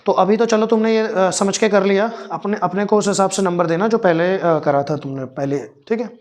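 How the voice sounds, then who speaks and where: A male teacher who teaches a chemistry class, fondly teasing and mock-scolding his students while slowly spelling out formulas step by step. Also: high voice, darkish tone. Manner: affectionate, teasing and scolding, calls students "beta".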